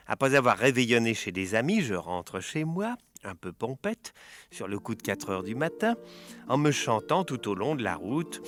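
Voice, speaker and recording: Expressive male storyteller over faint music. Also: medium pitch. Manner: expressive, theatrical. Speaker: narrator. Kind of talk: storybook reading.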